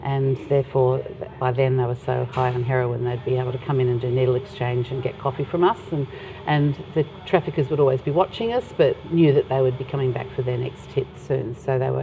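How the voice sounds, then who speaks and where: A woman's voice: very deep voice, fairly even intonation, a little fast, gravelly, background noise. A woman, founder of a charity, explaining earnestly in an interview. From Australia. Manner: earnest, explanatory, occasional fillers. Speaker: anti-trafficking charity founder. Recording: tinny phone-like audio.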